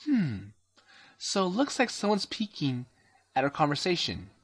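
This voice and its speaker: A man's voice: sits high, huge pitch swings, moderate pace, breathy edge. A man casually commenting on a story game, hesitantly summarizing and paraphrasing the dialogue with many fillers. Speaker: let's play commentator. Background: game music.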